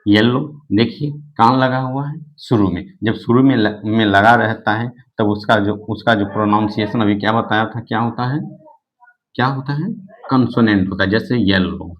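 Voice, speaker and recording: A lowish, fairly even male voice moves at a moderate pace over dull audio. He teaches English through Hindi in a classroom manner, asking and answering his own questions, often repeating himself, restarting, and using fillers like "nahin."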